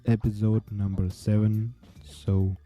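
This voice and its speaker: A young man hosting his own podcast, telling his story unscripted in a halting way and often searching for words. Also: fairly low pitch, flat delivery, dark tone, faint music behind. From Ukraine. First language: Ukrainian. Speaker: podcast host.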